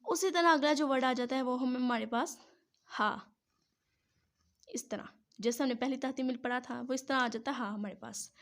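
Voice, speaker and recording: A woman patiently teaching how to join Arabic letters, step by step, pausing often to check in. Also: high voice. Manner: patient, says "theek hai" between each step. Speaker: Quran teacher. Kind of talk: step-by-step writing lesson.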